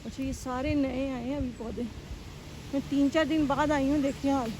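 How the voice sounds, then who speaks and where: Woman, casual walking vlog, phone mic outdoors, slightly high voice, light background noise. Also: steady tone, fairly quick. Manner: chatty, breathing hard while walking uphill. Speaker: vlogger. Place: outdoors in a German village.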